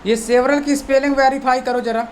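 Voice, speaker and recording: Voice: sits high, steady tone, brisk, a little hiss or hum. A teacher giving a language lesson who spells each word out letter by letter, then repeats it and gives its meaning, checking in often. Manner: patient and repetitive, often checks in with "theek hai". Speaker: English teacher. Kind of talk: language lesson explained in Hindi.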